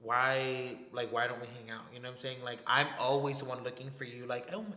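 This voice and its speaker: A young man co-hosting a casual podcast chat, animated, acting out friends' voices as he retells stories. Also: mid-range voice, fairly quick. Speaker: podcast co-host. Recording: echoey room with long reverb.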